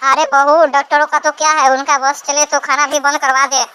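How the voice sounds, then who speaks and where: A man voicing a nagging, greedy old mother-in-law in a comedy sketch, shrill and scolding. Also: little pitch movement, fairly quick, bright, forceful tone, slight background noise. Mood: bickering.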